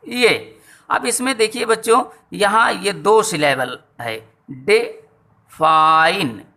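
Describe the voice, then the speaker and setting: A man teaching a lesson on poetic meter to students, explaining slowly and repeating each point. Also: high-pitched, sharp tone. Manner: slow, repetitive explaining to students. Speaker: English teacher. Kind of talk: classroom lesson on poetry meter.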